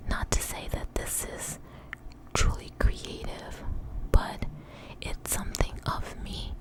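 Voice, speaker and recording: A woman whispering very close to the mic in an ASMR style, breathy with soft mouth sounds, rambling gently and reassuringly. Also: low-quality recording. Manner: slow, unstructured, reassuring. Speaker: ASMR video host.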